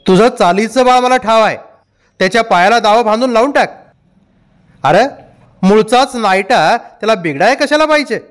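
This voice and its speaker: A man acts out a proud old village grandfather who flares up fast. He snaps back in a high, lively voice with sharp retorts. It is a storybook reading. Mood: angry.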